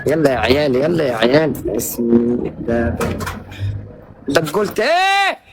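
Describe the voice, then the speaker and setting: A man with an Egyptian Arabic accent, streaming live and calling out loudly and theatrically to his viewers for gifts. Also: on the high side, huge pitch swings, quick pace. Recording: live-stream audio with loud crowd noise.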